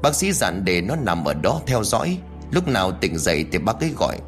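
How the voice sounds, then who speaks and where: A man's voice: fairly low pitch, very animated, fairly quick, soft background music. A man voicing a worried older village woman who grumbles anxiously. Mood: fretful.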